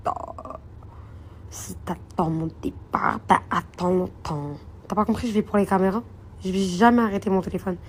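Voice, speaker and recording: Chatty young woman vlogging. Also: mid-range voice. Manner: chatty, rambling, addresses viewers as princesses and girls. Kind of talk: casual phone vlog to followers. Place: hotel room.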